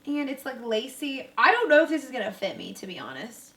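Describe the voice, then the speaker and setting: A woman's voice: sits high, big pitch swings, fairly quick, a bit bright, distant mic. A young woman vlogger chatting casually while unboxing clothes, bubbly and full of fillers, a bit out of breath. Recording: roomy, from away from the mic.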